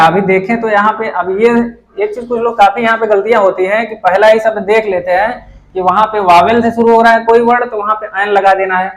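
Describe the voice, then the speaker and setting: A man with a high-pitched voice gives a grammar lesson. He explains each rule step by step, asks a question and then answers it himself. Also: rough recording. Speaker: English grammar teacher.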